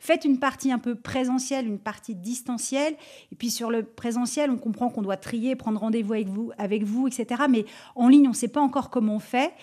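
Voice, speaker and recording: A woman working as a business advisor, giving clear, structured feedback on a radio show. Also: on the high side, dark tone. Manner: clear, structured, quick to laugh.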